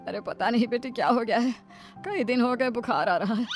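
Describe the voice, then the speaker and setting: A woman voicing a sharp-tongued, traditional older mother-in-law in an animated story. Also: on the high side, brisk, soft background music, close to an everyday voice. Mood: softer.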